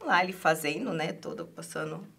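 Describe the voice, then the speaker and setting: A woman as a podcast guest, telling a personal story in a casual, expressive way and often tagging her sentences with a questioning 'right?'. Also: low voice, moderate pace, noisy background.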